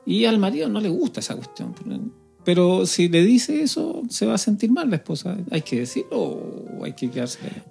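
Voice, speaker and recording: A man leads a casual discussion, groping for examples and putting questions to the panel in a hesitant way. His voice has a gravelly edge and sits somewhat high, with faint music behind. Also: big pitch swings, moderate pace, a little mellow. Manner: hesitant, posing hypothetical examples. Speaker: discussion moderator.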